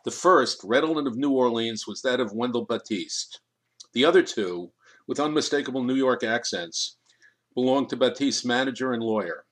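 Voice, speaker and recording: A man narrating an audiobook in a steady, measured reading. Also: medium pitch.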